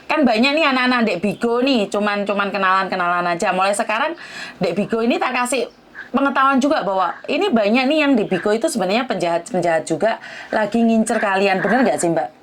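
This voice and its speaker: A woman's voice: medium pitch, expressive, fast talker. A woman hosting a live-stream interview, probing and often asking for confirmation. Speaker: host.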